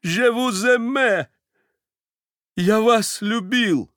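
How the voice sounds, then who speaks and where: A man's voice: very high voice, fairly even intonation, very slow, clean tone, no room sound, clean studio sound, pitched above the performer's own voice, exaggerated voice. An actor playing a sentimental, tearful elderly nobleman who slips French into his speech, in an audiobook reading. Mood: tearful confession. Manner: breathless pleading, mixing in French. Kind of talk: audiobook character voice.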